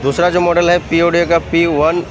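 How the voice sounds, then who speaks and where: A man vlogging through an expo hall, listing models and prices in a steady, repetitive way. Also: on the high side, normal speed. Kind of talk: walkthrough vlog listing prices. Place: busy indoor trade expo hall. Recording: noisy expo hall phone recording.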